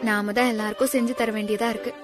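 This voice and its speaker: An actress playing a shy, gentle young village bride-to-be in a TV serial. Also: female voice, medium pitch, little pitch movement, very fast, lightly acted. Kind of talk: TV serial acting. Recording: music under dialogue.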